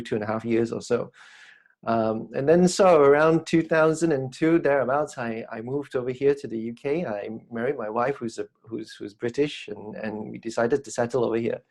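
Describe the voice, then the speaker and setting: A man from Malaysia introduces himself on a live online panel. His delivery is polite and halting, with pauses while he gathers his words. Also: mid-range voice, gravelly, a little mellow. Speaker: guest lawyer.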